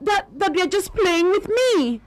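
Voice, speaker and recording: A woman's voice: very high voice, animated, unhurried. A woman dubbing a telenovela, playing a torn young woman who begs her lover to stop. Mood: distressed. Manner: begging, distressed. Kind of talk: dubbed telenovela acting.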